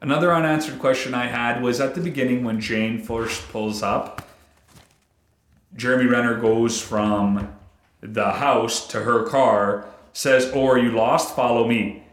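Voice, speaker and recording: A man in his thirties, a podcast co-host, chatting casually about a movie in a profane, animated way and acting out quotes. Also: medium pitch, measured pace. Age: 30s. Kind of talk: casual movie-review chat. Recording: roomy echo.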